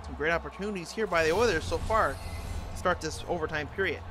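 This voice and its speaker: A man's voice: fairly high pitch, quick pace, music in the background. A man doing an amateur announcer impression, giving hockey play-by-play commentary in short clipped phrases. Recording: clearly noisy, ambient background noise.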